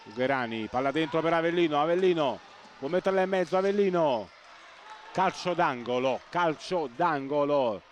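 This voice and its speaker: A man giving live play-by-play sports commentary, excitable and breathless, repeating names and words for emphasis. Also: a little high, moderate pace. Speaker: live futsal match commentator. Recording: noisy sports hall ambience.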